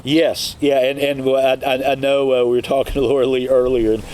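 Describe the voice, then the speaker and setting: A man hosts a casual podcast interview, pausing often with fillers and restarts. His voice sits at a middling pitch. He is recorded outdoors with clear wind noise behind him. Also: flat delivery, darkish tone. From Kentucky. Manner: halting, many fillers and restarts. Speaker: podcast host.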